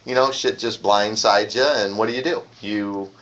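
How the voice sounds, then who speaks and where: A man with a lowish voice hosts a loose live-stream chat and talks at length in a rambling way. He laughs often between stories. The audio is dull and lo-fi. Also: fairly even intonation, moderate pace, fairly bright tone. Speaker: show host.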